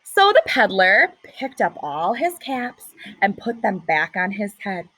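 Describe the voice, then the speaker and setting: A woman teacher reading a picture book aloud to children, expressive and pausing to ask questions. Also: medium pitch, breathy edge, no echo, poor audio. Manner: expressive, asks listeners questions.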